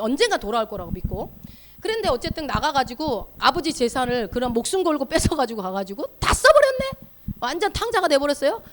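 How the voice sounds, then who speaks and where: Woman pastor, church sermon, high and very expressive, storyteller who quizzes the congregation. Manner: animated storytelling, asks the congregation questions.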